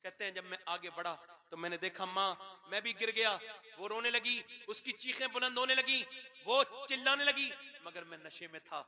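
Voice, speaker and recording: A male Islamic preacher telling a story in an emotional sermon, swinging between loud exhortation and hushed, tearful passages. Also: high-pitched, moderate pace.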